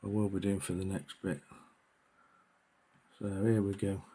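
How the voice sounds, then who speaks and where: Man, low voice, very unhurried, hesitant, casual painting tutorial. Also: little pitch movement, mellow, slightly rough. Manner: hesitant, rambling, many fillers.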